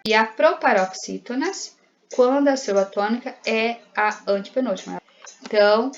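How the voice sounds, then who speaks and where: A woman's voice: mid-range voice, lo-fi sound. A woman with a Brazilian Portuguese accent, a primary school teacher taking her pupils patiently through exercises step by step. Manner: patient, explains step by step and often checks in with "né?" and "certo?". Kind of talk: recorded remote lesson, correcting exercises.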